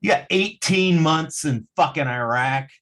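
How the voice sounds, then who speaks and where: A man's voice: a little high, measured pace, a bit bright. A man hosting a veterans' podcast, talking casually, swearing a lot, emphatic and heated. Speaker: podcast host. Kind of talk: casual profane chat.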